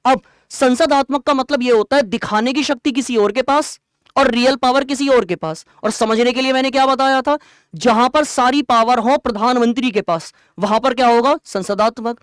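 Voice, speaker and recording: A male teacher giving an online exam-prep lecture, explaining terms plainly and quizzing students with quick rhetorical questions. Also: very high-pitched, clean tone, no room sound, clean studio sound.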